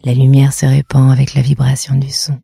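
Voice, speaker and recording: A woman leading a guided meditation in a soft, half-whispered, measured voice. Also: a bass voice, completely flat delivery, gravelly, husky, no room sound, studio quality.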